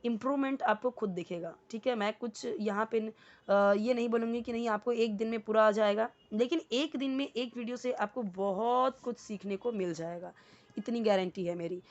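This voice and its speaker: A woman's voice: fairly high pitch, normal speed, dull audio. A woman teaching spoken English, explaining word by word and repeating words for practice.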